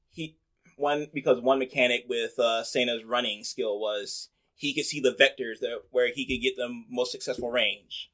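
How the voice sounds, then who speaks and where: A man hosting a casual chat, rambling along in a relaxed way and filling his sentences with "like". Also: mid-range voice. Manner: chatty, rambling, many "like" fillers.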